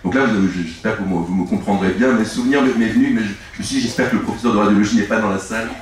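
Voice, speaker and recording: A man's voice: lowish voice, distant mic, slight background noise. A middle-aged man, an author and native French speaker, giving long rambling answers full of restarts at a live book talk. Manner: rambling, halting, many restarts. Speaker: author guest. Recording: echoey room, from afar, faint ambience.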